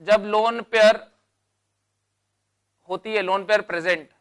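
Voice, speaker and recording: Speaking slowly in a high, clear, resonant voice with fairly even intonation, a male teacher lectures on chemistry. He explains each step with proper terms, poses questions and answers them himself, and addresses the class as "beta" and "bhai."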